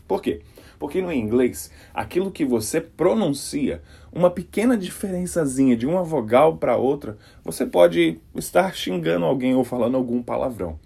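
A man from Brasília with a Brasília Portuguese accent, an English teacher giving an energetic podcast pronunciation lesson and acting out the sounds he teaches. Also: a little high, normal speed, creaky, slightly rough. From Brasília, Brazil. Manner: energetic, demonstrative, exaggerates sounds.

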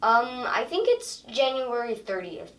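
Schoolkid daughter, voiced by a woman, slow, bright, distant, roomy recording. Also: on the high side, sing-song, heavily acted. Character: schoolkid daughter telling about her day. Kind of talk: scripted English dialogue for learners.

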